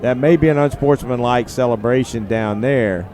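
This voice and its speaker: A man's voice: medium pitch, moderate pace. Color commentator, male; easygoing, folksy analysis. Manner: relaxed, explanatory, folksy. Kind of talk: live football analysis.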